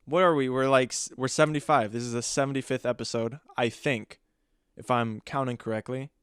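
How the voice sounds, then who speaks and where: Young man, podcast host, rambling and self-mocking, smooth clear voice, dry sound. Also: medium pitch, steady tone, a little fast, fairly bright tone, dry recording. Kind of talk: casual solo podcast chat.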